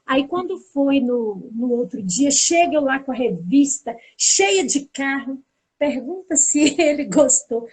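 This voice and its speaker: A woman teacher, casually telling a lively anecdote about a school day and acting out what people said. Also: high voice, a little slow. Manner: lively storytelling, acting out the dialogue. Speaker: teacher and pedagogical coordinator.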